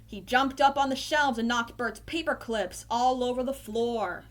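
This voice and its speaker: A woman reading a children's storybook aloud in a slow, clear storytelling manner. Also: on the high side. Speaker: storybook reader.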